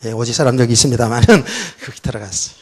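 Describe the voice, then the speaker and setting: A middle-aged man, a pastor, telling a personal story in a sermon, swinging between loud outbursts and soft, low asides. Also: expressive, quick pace. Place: church sanctuary.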